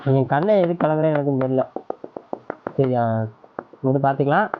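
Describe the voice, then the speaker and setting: A man's voice: medium pitch, fairly even intonation, normal speed, phone-quality sound, background noise. A man hosting a home prank video, teasing and coaxing his wife in casual banter.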